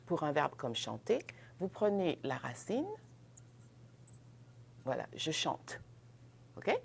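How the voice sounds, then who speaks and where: Slow, gravelly-voiced woman teaching French. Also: low voice, sing-song, a little hiss or hum. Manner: slow, patient, checks in with "n'est-ce pas" and "ok". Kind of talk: grammar lesson at a board, mixing French and English.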